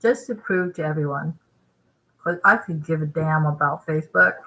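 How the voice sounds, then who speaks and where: A woman from Vietnam talks straight to her vlog viewers in a low voice. She rambles and pushes her points hard, tagging them with "right?" as she eats. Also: moderate pace, sharp tone, slight background noise, rough recording. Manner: rambling, emphatic, with frequent "right?" asides; eating while talking. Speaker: vlogger. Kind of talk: casual talking-head vlog.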